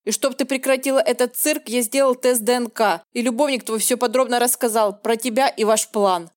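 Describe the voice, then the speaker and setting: A woman's voice: fairly high pitch, fairly even intonation, brisk, natural voice. A woman reading a cold scornful man. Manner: scornful, dismissive. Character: cold, contemptuous man, the heroine's ex.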